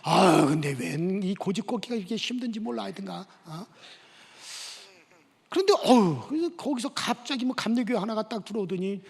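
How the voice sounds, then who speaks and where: A man preaching a sermon as pastor, telling his story with lively asides and frequent questioning interjections. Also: sits high, a little fast, gravelly, husky. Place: church sanctuary. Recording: reverberant church hall.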